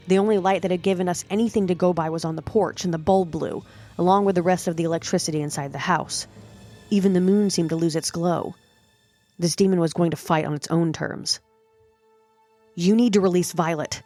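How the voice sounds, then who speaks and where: A woman with a low-pitched voice tells a first-person story in a steady, dramatic way. Faint music plays under her narration.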